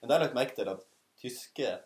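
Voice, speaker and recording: A man with a North Norwegian accent chatting casually and playfully as co-host of a podcast. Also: medium pitch. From Northern Norway. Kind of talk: casual chat.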